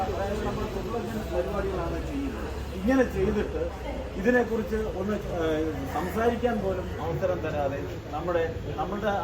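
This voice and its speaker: A man giving a protest rally speech to a gathering, haltingly, repeating his phrases as he goes. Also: sits high. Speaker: residents' association speaker. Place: outdoor street protest. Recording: roomy, distant outdoor recording, loud street noise.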